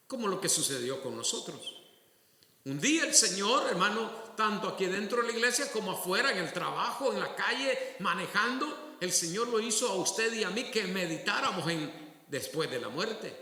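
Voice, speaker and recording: A man pastor preaches a sermon in a bright, sharp voice, slow and deliberate. His delivery jumps between loud exclamations and low asides. The sound rings with long church-hall reverb. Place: church sanctuary.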